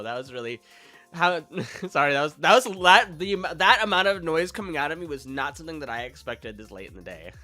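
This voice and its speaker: A woman's voice: sits low, a bit bright. A woman streamer chatting casually with her viewers, crude and joking, laughing often and replying to chat.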